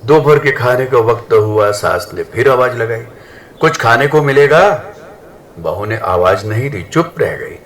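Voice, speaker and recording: A man telling a family story in a slow, measured way, addressing his listeners as friends. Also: fairly low pitch, expressive. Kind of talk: spiritual storytelling.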